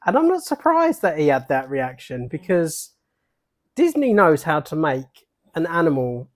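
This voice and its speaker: A podcast co-host with a mid-range voice talks casually about an animated film. The delivery is relaxed, and the remarks are dry and observant. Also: mid-range voice, measured pace. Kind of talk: casual chat.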